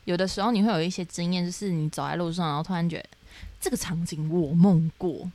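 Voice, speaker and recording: A young woman from Taiwan, co-hosting a podcast, telling her dreams in animated casual chat full of fillers. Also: fairly low pitch, fast, no echo. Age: young adult. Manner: animated storytelling with many fillers. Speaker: podcast co-host.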